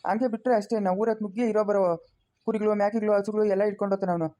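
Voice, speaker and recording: A woman playing a calm, scheming village elder with a granddaughter who advises restraint, in a Chikkaballapur Kannada accent. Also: medium pitch, very fast, close to an everyday voice. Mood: calm advising.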